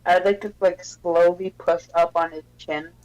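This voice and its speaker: A player in a tabletop game, making brief, quick interjections and stating actions. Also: medium pitch, fairly even intonation, darkish tone, highs cut off.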